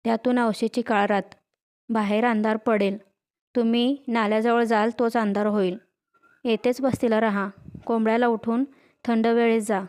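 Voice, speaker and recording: A woman's voice: fairly high pitch, flat delivery, normal speed, a little mellow, clean tone, lightly acted. A woman reading the part of a worried old village woman who hurriedly urges caution. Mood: urgent warning.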